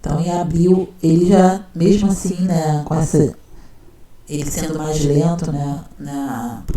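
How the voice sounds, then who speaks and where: Woman teacher, mellow tone, chatty explainer who keeps checking in. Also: low voice, fairly even intonation, a little slow. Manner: conversational, checks in with listener often. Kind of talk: casual explanatory talk.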